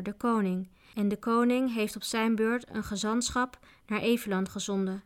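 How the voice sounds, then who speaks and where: A woman narrating a children's adventure book in a steady storytelling voice. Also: a little high. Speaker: audiobook narrator. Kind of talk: scripted narration.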